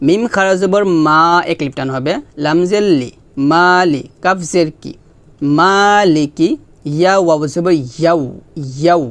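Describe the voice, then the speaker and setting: A man teaching Quran pronunciation, spelling out letters one by one and stretching the recited words in a long chant. He explains the rules quickly and asks listeners to repeat after him. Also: fairly high pitch.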